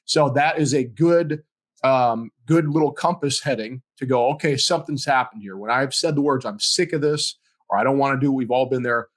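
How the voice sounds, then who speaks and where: A man's voice: mid-range voice, moderate pace. A man hosting an interview podcast, telling stories in a casual way, acting out quoted conversations and laughing often. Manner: storytelling, acts out quoted dialogue, laughs often. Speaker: podcast host.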